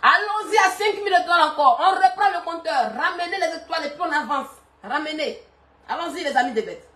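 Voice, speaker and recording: Lady on a live stream, laughing a lot, high voice, echoey room. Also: a little fast. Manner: animated, laughing, urging viewers to send stars. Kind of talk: live stream gossip and chat.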